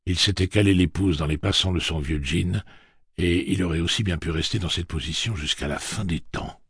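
A man narrating an audiobook in a measured, even reading. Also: deep voice, breathy edge, dry recording, clean studio sound.

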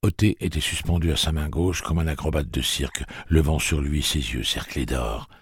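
Very deep gravelly male narrator. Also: fairly even intonation, moderate pace, no echo, clean studio sound. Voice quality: gravelly, husky voice. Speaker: audiobook narrator. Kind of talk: scripted narration.

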